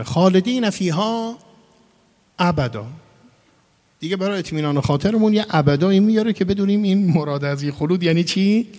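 A man preaching a religious lecture, his medium-pitched voice trailing a long reverb through a large space. He expounds with sudden emphatic rises and hushed drops. He slips into a chanting cadence for scripture.

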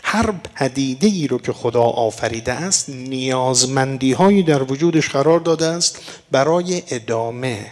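A man's voice: mid-range voice, lively intonation. Man preaching in a reverberant hall. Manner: expository, asks and answers rhetorical questions; recites Arabic verses slowly and deliberately. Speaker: religious lecturer. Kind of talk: evening sermon explaining Quran verses.

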